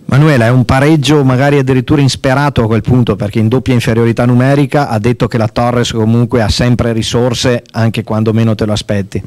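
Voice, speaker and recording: Guy interviewer, mid pitch, quick questions after the game. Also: fairly even intonation, a little mellow, no room sound. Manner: brief leading questions. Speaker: sports interviewer. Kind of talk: post-match interview questions.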